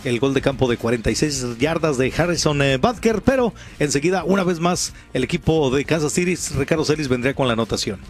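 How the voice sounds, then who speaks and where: A man's voice: a little high, lively intonation, fast talker, few pauses, faint music behind. A man working as a sports radio host, giving live American football commentary.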